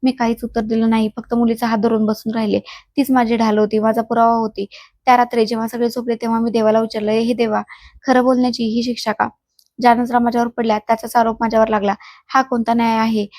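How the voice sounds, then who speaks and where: A woman narrating a first-person moral story as a storyteller, with steady, measured reading. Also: on the high side.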